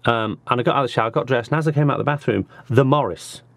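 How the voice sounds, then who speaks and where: A man's voice: medium pitch, racing, creaky, fairly bright tone, dry recording. A man hosting an online acoustic music show from a small studio, chatting casually and jokily with lots of asides. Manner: rambling and jokey, with restarts and asides. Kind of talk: casual chat.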